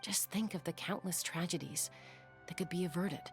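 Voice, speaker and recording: A woman plays a serious, observant young female investigator in a video game. The voice is cool and fairly low, with faint music underneath. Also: moderate pace, natural voice. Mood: earnest. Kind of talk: scripted game character acting.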